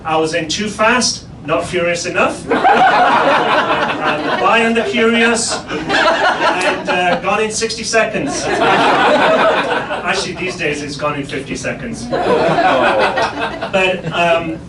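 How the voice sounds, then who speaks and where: A man's voice: high voice, animated, slow, pauses often. English-accented man doing dry stand-up. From Pakistan. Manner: dry, self-mocking punchline delivery. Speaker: stand-up comedian. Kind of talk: stand-up comedy set. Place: improv club stage before a live audience. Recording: roomy, distant live club recording with loud noise.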